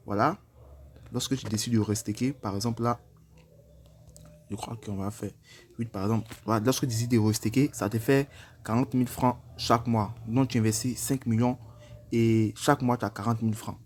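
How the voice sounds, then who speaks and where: A man casually walking through an app tutorial step by step, hesitant and repeating himself with frequent fillers. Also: medium pitch. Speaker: crypto tutorial presenter.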